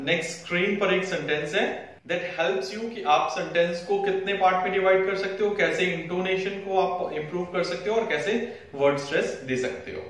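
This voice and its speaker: Male tutor, mid-high voice, instructive and repetitive, very reverberant room, mic at a distance. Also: fairly bright tone. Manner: instructive, repeats points for emphasis. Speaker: exam prep teacher. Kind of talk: explanatory lesson, mixing Hindi with English phrases.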